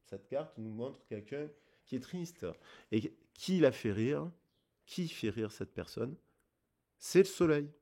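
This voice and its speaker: A man reading tarot and oracle cards for his viewers. His voice is mellow and soft-edged, and he talks in a halting way with plenty of pauses. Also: medium pitch, lively intonation, creaky. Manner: hesitant, many filler pauses, gentle advice. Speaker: tarot card reader. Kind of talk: casual spoken card reading.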